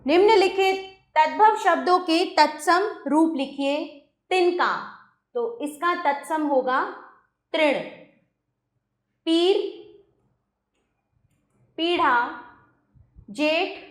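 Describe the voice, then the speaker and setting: A woman teacher works through a grammar lesson for children. Her voice sits high and she talks slowly and carefully, reading examples aloud one by one and turning to her pupils with direct instructions. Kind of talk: textbook lesson explanation.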